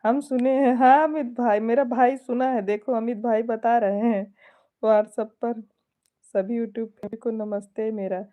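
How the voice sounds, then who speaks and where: Slow, mellow woman with an Awadhi lilt. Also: a little high, steady tone. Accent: Awadhi-tinged Hindi. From Awadh region of India. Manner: chuckles often, greets viewers with devotional greetings. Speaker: folk singer hosting a live stream. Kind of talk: casual live-stream chat reading viewer comments.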